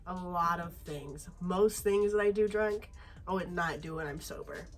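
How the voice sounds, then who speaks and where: A woman's voice: on the low side, normal speed. A young woman, tipsy and sassy, chatting in a slangy, giggly way as in a casual makeup vlog. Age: young adult.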